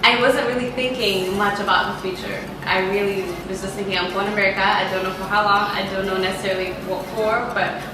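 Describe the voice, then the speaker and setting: A woman in her twenties from Kenya, talking in a casual, animated way as one of several guests in a living-room chat. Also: mid-range voice, fast talker, few pauses, background noise. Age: 20s. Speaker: interviewee. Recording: very echoey room, mic set far off.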